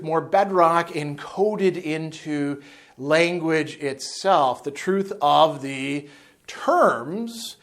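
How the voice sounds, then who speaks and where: Standing before a chalkboard in an indoor room, a man in his fifties lectures on philosophy to camera without a script. He's animated, gesturing as he speaks, wandering into asides and restarting sentences, in a slightly higher voice. Sound comes through a lapel mic.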